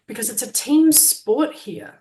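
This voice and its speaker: A woman's voice: fairly high pitch, a little slow, dark tone, slight background noise. A woman from Australia with an Australian accent, co-hosting a podcast and talking candidly in a casual conversation, swearing freely. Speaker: podcast co-host.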